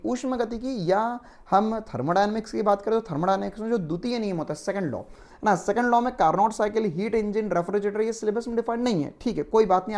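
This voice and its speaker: A man's voice: high voice, darkish tone. A male physics teacher giving an online exam-prep lecture in a conversational, explanatory way, often checking in with tag questions.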